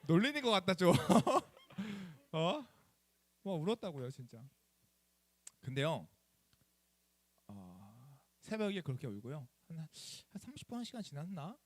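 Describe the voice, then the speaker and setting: A man's voice: on the high side, a little slow, long pauses, dry recording. A young man preaching to teenagers as their youth pastor, telling a personal story in a chatty way and asking them questions. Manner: animated, chatty, asks the students questions. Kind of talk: lively youth sermon storytelling.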